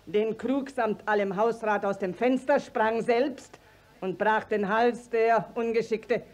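In a 1950s radio play, an actress with a fairly high pitch voices an indignant, long-winded village widow. She declaims her complaint insistently, relishing every detail.

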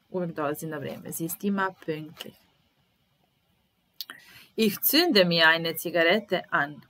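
Lady teaching german real slow, says each line twice then translates, lowish voice. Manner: repeats German sentences then translates, patient. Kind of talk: slow language lesson.

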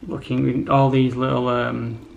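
A man in his 30s gives an unhurried, level-toned walkthrough of his house's rooms, rambling matter-of-factly to a handheld camera at arm's length. His voice sits at medium pitch, and the sound is lo-fi with clear background noise.

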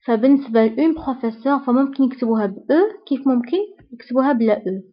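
A woman with a Moroccan Arabic accent teaching French vocabulary, saying each word clearly and repeating it several times. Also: high voice, fast, dull audio. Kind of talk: vocabulary lesson, repeating words slowly.

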